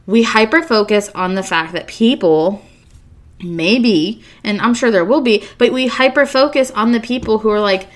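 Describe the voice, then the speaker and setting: A woman's voice: medium pitch, normal speed. A woman hosting a podcast, talking in a candid, casual monologue full of rhetorical questions and the odd swear word. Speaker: podcast host.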